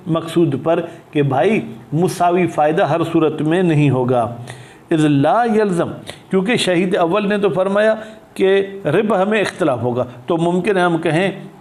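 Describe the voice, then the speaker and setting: Slow, measured male seminary teacher. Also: fairly high pitch, a little mellow. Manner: reads Arabic slowly then explains; asks and answers his own questions. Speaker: teacher of Islamic jurisprudence. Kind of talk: religious text lesson.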